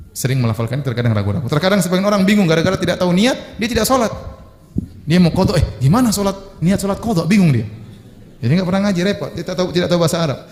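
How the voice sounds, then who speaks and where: Male preacher, emphatic, quizzes the crowd, raised pitch, roomy reverberant hall sound. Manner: emphatic, repetitive, rhetorical questions to the audience. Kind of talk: sermon. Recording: echoey hall.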